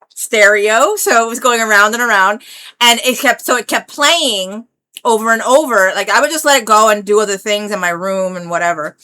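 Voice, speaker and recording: A woman's voice: a little high, bright, forceful tone. A woman, rambling through a brash, profane, casual vlog monologue. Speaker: vlogger.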